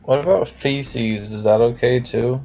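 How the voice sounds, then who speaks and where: A man's voice: mid-range voice, fairly even intonation, a little slow, warm tone, lo-fi sound, soft background music. Joking male tabletop player. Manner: joking, laughs often. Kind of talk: casual tabletop play.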